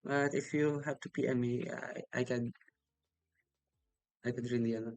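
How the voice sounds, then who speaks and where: A man's voice: mid-range voice, fairly even intonation, moderate pace, creaky, a little mellow, dry recording. Chatty Filipino-accented young man streaming. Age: young adult. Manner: switches often between English and Tagalog, apologetic and chatty. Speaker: livestream host reading viewer comments. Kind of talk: casual livestream chat.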